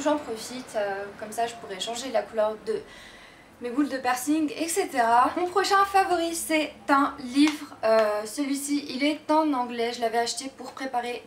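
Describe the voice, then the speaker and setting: High-voiced young woman vlogger with slight lisp. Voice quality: slight lisp from tongue piercing. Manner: gushing, slangy. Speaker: beauty and fashion vlogger. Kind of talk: casual chat to viewers. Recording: roomy echo, distant mic, faint noise.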